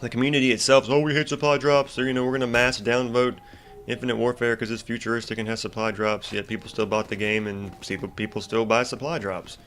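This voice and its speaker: This time the congested young gamer talks fast, barely pausing, in a mid-range, level, fairly bright voice with faint music behind him. Commentating his gameplay for YouTube, he rants casually about the game with a stuffy nose and lots of fillers and restarts.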